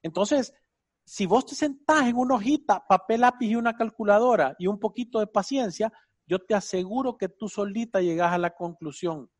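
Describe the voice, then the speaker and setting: Salvadoran male host, high voice, energetic and jokey on finance talk. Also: normal speed. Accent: Salvadoran Spanish. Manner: enthusiastic, teasing, uses vos. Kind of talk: casual radio advice chat.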